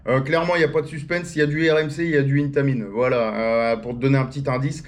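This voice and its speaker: A man's voice: medium pitch, steady tone, very fast. A young man chatting casually outdoors as a vlogger answering viewer questions, slangy and full of fillers and restarts. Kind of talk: casual chat. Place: sitting outdoors on a chair.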